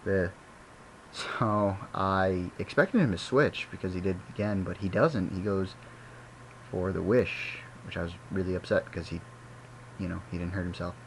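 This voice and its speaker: Low-voiced young man narrating a game. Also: moderate pace, slight background noise, rough recording. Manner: rambling, self-correcting, chatty. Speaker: gaming commentator. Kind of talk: casual game commentary.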